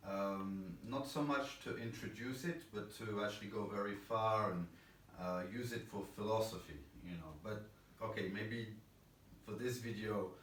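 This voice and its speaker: Low-voiced man, rambling and thoughtful. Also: fairly bright tone. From England. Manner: rambling and thoughtful, many fillers, self-deprecating. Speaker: interview guest, chess boxer. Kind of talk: casual interview answers. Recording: roomy, distant, faint background noise.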